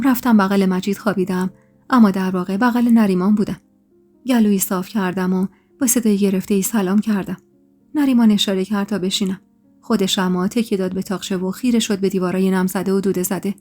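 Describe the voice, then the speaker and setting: A woman telling a first-person story in an intimate, emotional voice. Her pitch sits in the middle range. Soft music plays faintly behind her narration.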